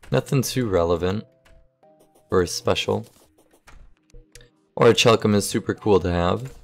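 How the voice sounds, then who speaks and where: A young man giving relaxed, casual commentary over his game, thinking aloud as he sorts items, with the hiccups. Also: fairly low pitch, vocal fry. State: has the hiccups. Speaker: gaming YouTuber.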